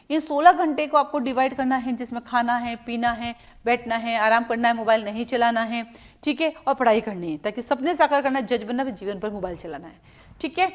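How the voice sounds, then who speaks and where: High-voiced woman law exam coach. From India. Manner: addresses students as "beta", direct advising tone. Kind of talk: exam strategy lesson to students.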